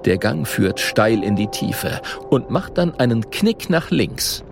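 A man narrating a children's story with animated, gravelly delivery. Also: medium pitch, measured pace, music in the background. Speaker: audiobook narrator.

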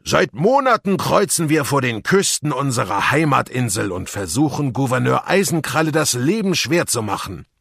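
A man voicing a gruff, bold pirate captain who gives loud rousing speeches to his crew, raised in pitch above his own husky voice. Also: sing-song, normal speed, few pauses, dry recording, clean studio sound, heavily acted.

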